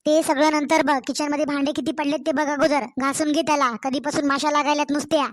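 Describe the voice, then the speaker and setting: A woman with a Marathwada Marathi accent voicing a harsh, bossy older mother-in-law who scolds loudly in a cartoon story. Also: high-pitched, flat delivery, brisk, lightly acted. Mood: scolding. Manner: bossy, sharp, loud.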